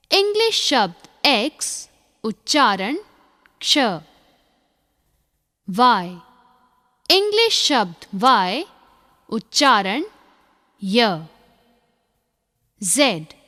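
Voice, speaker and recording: Slow, lively-pitched woman teaching phonics. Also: in a large hall. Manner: slow, deliberate, measured. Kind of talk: slow scripted lesson narration.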